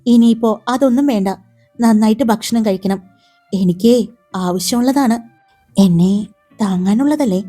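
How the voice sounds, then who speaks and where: Woman reading a playful young man in a romance story, teasing and bossy, soft low delivery, mellow voice, faint music behind. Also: moderate pace, long pauses, lightly acted.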